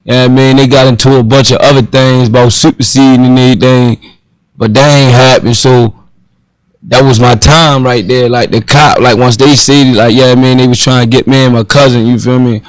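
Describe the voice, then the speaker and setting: A young man in his twenties with a Baltimore accent speaks as a guest on a podcast. He talks haltingly and leans on fillers as he works his way through each answer. His mid-range voice is recorded dry and close. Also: medium pitch, fairly even intonation, no room sound, poor audio. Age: 20s. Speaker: guest rapper. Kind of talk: casual interview chat.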